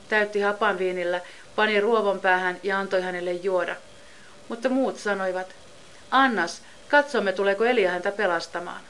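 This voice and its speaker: A woman reads scripture in a steady, measured voice. Her pitch sits in the middle of the range, and her delivery stays even from line to line. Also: a little hiss or hum. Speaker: scripture reader.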